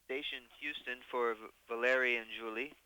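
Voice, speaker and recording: A man's voice: mid-range voice, fairly even intonation, brisk, bright, forceful tone, smooth, no room sound, poor audio. A man working as a mission control communicator, making formal procedural calls in an astronaut radio exchange.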